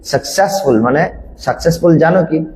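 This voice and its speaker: A male teacher runs an online English class, giving each word's meaning and then having a student repeat after him. His voice sits a little high for a man. There is a long reverb around him. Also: normal speed, a little mellow. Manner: explains each word patiently, then drills pronunciation with a student. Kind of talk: online grammar class, explaining word meanings. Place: online classroom on a video call.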